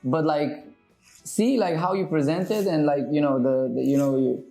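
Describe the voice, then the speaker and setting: A man's voice: fairly high pitch, normal speed, gravelly, dark tone, faint music behind. Chill barber guy hosting a podcast mid-haircut, lots of "like", kinda echoey room. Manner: loose, laid-back, heavy on fillers and swearing. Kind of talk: casual chat while cutting hair.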